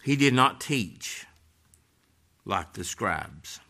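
A man preaching a sermon with a folksy delivery, moving from hushed passages to loud, emphatic ones. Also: fairly low pitch, lively intonation, extremely slow.

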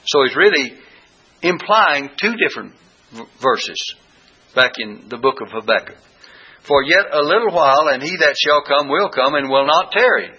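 A man teaching a Bible lesson in a bright, forward voice with a husky edge. He reads scripture aloud slowly and deliberately, leaning on the words he wants to stress. The recording is dull and lo-fi. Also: a little high, animated.

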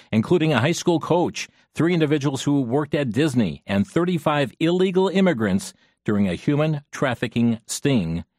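A man hosting a call-in talk radio show with a smooth radio host delivery, steady and unhurried, with frequent filler pauses as he reads stories and takes listener calls. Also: mid-range voice, dry recording, clean studio sound. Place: radio studio. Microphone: studio microphone.

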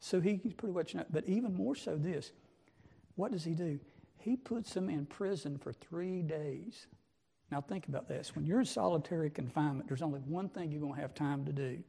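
A man's voice: fairly high pitch, moderate pace, gravelly, dark tone, breathy edge. A man preaching a sermon, emphatic and full of rhetorical questions. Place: church sanctuary. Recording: long church reverb.

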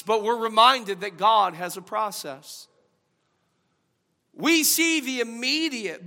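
A man preaching a sermon as a pastor, swinging from loud emphasis to hushed tones. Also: sits high. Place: church sanctuary. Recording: long church hall reverb.

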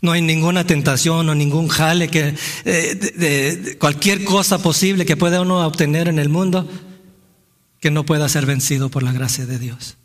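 Long hall reverb surrounds a man preaching in church, his fairly high voice steady in tone and normal in speed. Earnest and reflective, he keeps restarting phrases and asking "¿no?" rhetorically.

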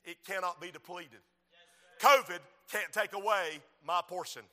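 A man preaching a sermon with rhythmic repetition, moving from quiet talk to shouting. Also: high-pitched, a little slow, big-room sound. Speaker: preacher and school principal.

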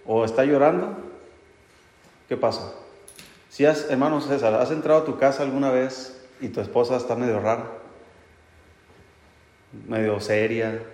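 A man gives a sermon in an easy, talking-to-you way, keeping his questions and asides going with the congregation. His mid-pitched voice rings out through a large room with a long, roomy reverb. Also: a little mellow. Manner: plain, talks straight to the men, keeps asking "¿verdad?" and "¿sí?". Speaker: preacher. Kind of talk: conversational sermon. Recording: echoey hall reverb.

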